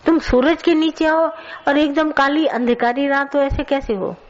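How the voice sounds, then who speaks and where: Woman preaching in a high voice. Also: steady tone, moderate pace, highs cut off. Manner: colloquial, scolding and storytelling. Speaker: spiritual teacher. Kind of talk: satsang sermon.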